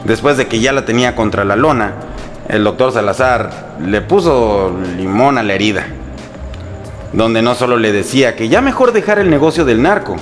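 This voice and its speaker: Speaking at a normal speed in an animated, medium-pitched voice, a Mexican-accented man hosts and narrates a scripted history piece. His storytelling is humorous, sarcastic and colloquial. A music bed sits under the narration as background music.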